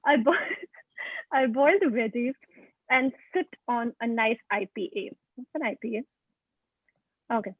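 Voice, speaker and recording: A woman's voice: fairly high pitch, measured pace, long pauses, slightly rough, no echo. A woman reading a horror story aloud for a book club, stumbling and restarting now and then. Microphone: video call. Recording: tinny phone-like call audio.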